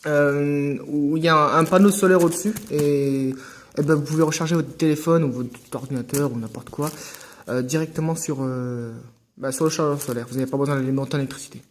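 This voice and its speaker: A man's voice: on the high side, steady tone, fairly quick, slight background noise. A man casually hosting an unboxing video, hesitant with many fillers and restarts, joking asides to viewers.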